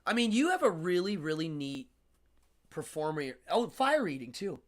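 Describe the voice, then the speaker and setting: Speaking at a moderate pace in a slightly high, nasal voice, a man hosts a relaxed live-stream interview from New York City. He spins animated stories and breaks into frequent laughter.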